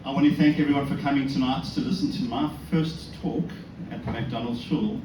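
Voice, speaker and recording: A South African man with a mid-range, fairly darkish voice talks fairly quickly and with fairly even intonation. He gives an informal religious talk to an audience inside a synagogue, keeping it conversational and self-deprecating and often posing rhetorical questions. The room is echoey, the mic distant, and the background noisy.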